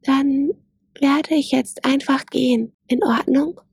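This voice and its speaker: A woman's voice: high-pitched, fairly even intonation, takes it slowly, creaky, no room sound, studio quality, pitched above the performer's own voice, full character voice. A woman voicing a wary young female gazelle in a storybook, asking hesitant, cautious questions in a raised voice. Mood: timid.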